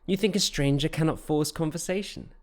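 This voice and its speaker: A sharp-tongued young tavern barmaid, voiced by a man reading a fantasy audiobook. Her lines sit a little higher and lighter than the narration. She answers back quickly, with a teasing edge. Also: close to an everyday voice. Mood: lightly teasing.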